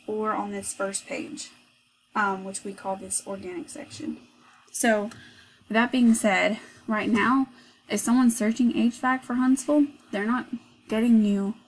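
A woman's voice: mid-range voice, slight background noise, low-quality recording. A woman who owns a marketing agency, talking through a screen recording step by step in a casual, conversational way. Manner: conversational, explaining step by step with frequent "so". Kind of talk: screencast walkthrough.

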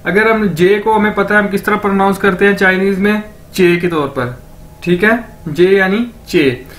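A man teaching an online language lesson, slowly repeating each word many times for drill. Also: high-pitched, a bit bright. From Pakistan. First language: Urdu.

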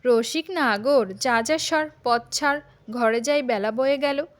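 A woman's voice: high-pitched, takes it slowly. A woman voicing a stern, scornful older male village priest in a Bengali audio story, speaking in a mocking, scolding way.

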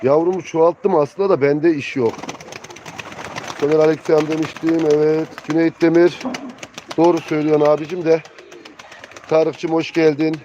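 Guy with a highish voice, chatty pigeon seller on a livestream, birds cooing loud behind him. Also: level tone, moderate pace, pauses often, lo-fi sound, background noise. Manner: colloquial, familiar address to viewers and helper. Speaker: pigeon breeder hosting a live bird auction stream. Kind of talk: casual livestream chat, greeting viewers and showing birds.

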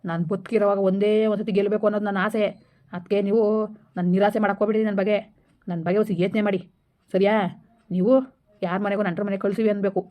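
A woman playing a bossy, scheming village elder brother. The voice is mellow and dark, and the lines come quickly in a hushing, persuasive manner. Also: mid-range voice, level tone, natural voice. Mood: persuading. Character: scheming village elder brother, middle-aged man, election-obsessed. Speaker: comedy skit actor. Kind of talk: village comedy skit.

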